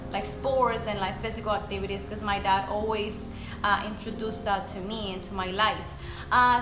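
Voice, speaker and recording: A woman, her voice sitting on the higher side. She talks earnestly about her own life. The recording is roomy, with music playing underneath. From Colombia. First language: Spanish. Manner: earnest and openly emotional. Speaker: speaker sharing her life story. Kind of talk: personal testimony to camera.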